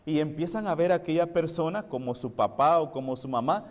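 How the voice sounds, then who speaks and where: A man's voice: fairly high pitch, fairly quick, big-room sound. A priest preaching a sermon to his congregation, explaining and asking rhetorical questions.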